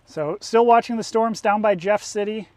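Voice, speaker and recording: A man's voice: high voice, moderate pace, dry recording. An American man giving casual live commentary as a storm chaser, thinking aloud while driving. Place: inside a moving car.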